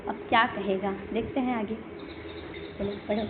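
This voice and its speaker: A woman teaching Sanskrit, telling the story in an animated way and acting out what the characters say. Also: high voice, unhurried. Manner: animated storytelling, acts out quoted speech. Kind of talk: storytelling lesson explaining verses. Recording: phone-like line with faint hiss.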